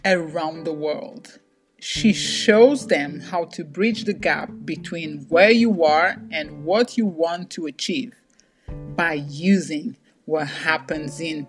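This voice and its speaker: A woman hosting a podcast interview, upbeat and welcoming as she introduces and questions her guest. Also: lowish voice. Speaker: podcast host.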